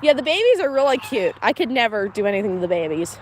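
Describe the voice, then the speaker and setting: Speaking fast and with lots of energy, this woman has a fairly high pitch and a light Pennsylvania accent mixed with general American speech. She livestreams from her Pennsylvania homestead, laughing a lot and talking candidly as she tends her cows outdoors, with faint outdoor sounds behind her.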